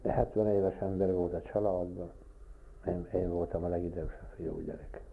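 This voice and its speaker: Gravelly older man reminiscing, tinny recording. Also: low-pitched, fairly even intonation. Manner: plain-spoken storytelling, repeating phrases for weight. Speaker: interviewee recalling village life. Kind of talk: oral history reminiscence. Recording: tinny lo-fi recording with faint hiss.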